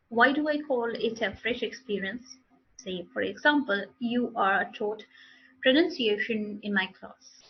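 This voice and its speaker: A woman with an Indian English accent leads a pronunciation lesson at a very slow, deliberate pace, saying each model word and sentence twice. Her voice is husky and sits fairly high, and the recording sounds dull and lo-fi.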